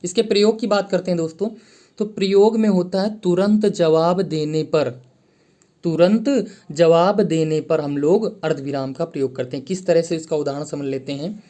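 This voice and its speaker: Higher-pitched man teaching grammar. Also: mellow. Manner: repeats key phrases, addresses viewers as friends; slows down to read out example sentences. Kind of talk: Hindi grammar lesson.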